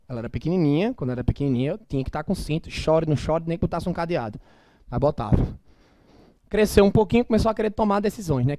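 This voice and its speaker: A middle-aged man with a Northeastern Brazilian accent, lecturing a class in an emphatic, animated, colloquial way with blunt asides. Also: fairly high pitch, dry recording. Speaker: teacher.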